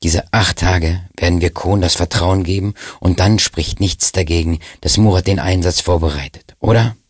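A commanding police chief lays out the plan in firm, brisk orders, read by a man. His voice is low and husky, and the audiobook sound is dry and close. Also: fairly even intonation, no echo. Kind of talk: audiobook reading.

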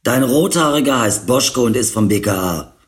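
A man's voice: mid-range voice, lively intonation, moderate pace, close to an everyday voice. A man voicing a cocky young man who talks bluntly and teases his friend in slang. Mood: teasing.

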